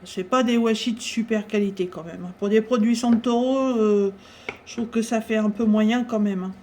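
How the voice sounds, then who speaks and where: A woman chatting casually through a craft-supply haul, talking with many pauses and fillers. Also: on the high side, fairly even intonation, a little mellow, slight background noise.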